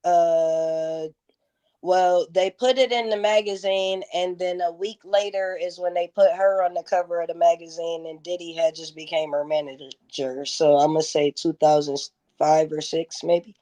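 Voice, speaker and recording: A woman's voice: lowish voice, fairly even intonation, a little slow, warm tone. A woman in her thirties, a guest in a casual interview, telling stories bluntly with plenty of profanity. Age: 30s.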